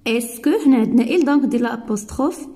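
A woman teacher with a Moroccan accent giving a grammar lesson, slowly and deliberately, repeating key words and mixing French with Moroccan Arabic. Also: fairly high pitch, animated, dark tone. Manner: switches between French and Moroccan Arabic while explaining. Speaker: primary school teacher.

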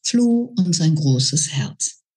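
A woman author reading her own novel aloud in an unhurried, even manner. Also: low voice, husky. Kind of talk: book reading.

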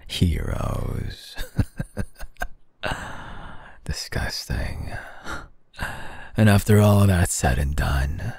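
A man doing a gravelly whispering villain. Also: extremely low pitch, dry recording, full character voice. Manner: taunting, drawn-out, hushed close to the listener. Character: scornful young male villain, rough and ambitious. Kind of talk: fan audio roleplay.

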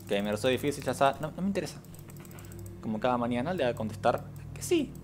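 A man's voice: mid-range voice, lively intonation, quick pace, soft background music. A young man, streaming a game, reading the game's text aloud and reacting with casual, sarcastic, swearing asides.

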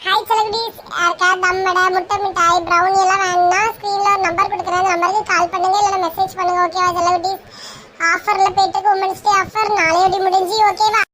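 A woman's voice: very high voice, level tone, quick pace, background noise. A woman with a Kanyakumari Tamil accent hosting her channel, chatting affectionately with viewers as she wraps up. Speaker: channel host. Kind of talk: channel outro and product plug.

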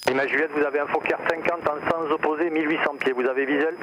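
A man's voice: on the high side, steady tone, fast. A man working as an air traffic controller, giving clipped instructions over aviation radio as heard in a pilot headset. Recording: very noisy radio, engine noise behind.

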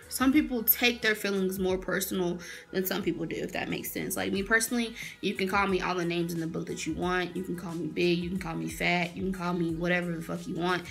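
Early-20s woman venting to her webcam, swears a lot, bright tone, small room. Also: medium pitch, gravelly. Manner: blunt, fired-up, swears freely. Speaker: vlogger. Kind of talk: casual direct-to-camera rant.

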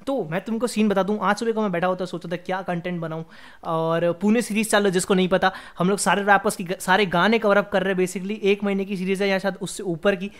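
A man's voice: high voice, fairly even intonation, a little fast. A young man hosting a music reaction video, chatting casually and energetically while mixing in English phrases.

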